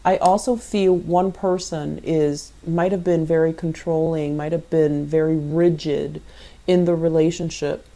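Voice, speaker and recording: A woman's voice: deep voice, steady tone, unhurried, warm tone. A woman giving a conversational tarot card reading, explaining things and speaking directly to the listener. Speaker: tarot reader and channel host.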